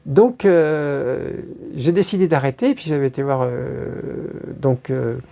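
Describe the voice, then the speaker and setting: A woman's voice: very deep voice, animated, measured pace, warm tone. A woman being interviewed, telling stories in a rambling casual way, with many hesitations and crude slang. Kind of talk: casual storytelling.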